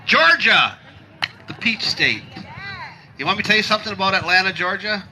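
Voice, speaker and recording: Wisecracking emcee from Michigan. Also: male voice, sits high, fast talker, sharp tone, low-quality recording. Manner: wisecracking, self-deprecating, teasing the audience. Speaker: timber show emcee. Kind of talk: joking crowd banter over a PA. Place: outdoor festival stage. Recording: outdoor crowd noise.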